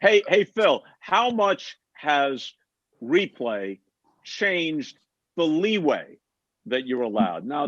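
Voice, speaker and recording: A man's voice: on the high side, dry recording. Man, panel moderator, chatty, laughs along, dry muffled sound. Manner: chatty, laughs along, tells quick stories before asking. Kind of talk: hosting a panel discussion. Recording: dull dry close mic.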